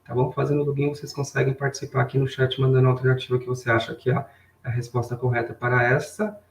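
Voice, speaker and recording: A man teaching a live online English lesson, switching between Portuguese and slowly spoken English phrases and greeting viewers in the chat. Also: medium pitch, completely flat delivery. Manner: bilingual, repeats English phrases slowly for learners. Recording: roomy sound, mic a bit far off.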